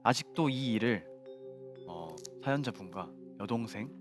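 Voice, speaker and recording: A young man telling a ghost story to friends in polite, measured formal narration, as co-host of a show. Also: lowish voice, animated. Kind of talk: spoken storytelling among friends. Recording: music behind the voice.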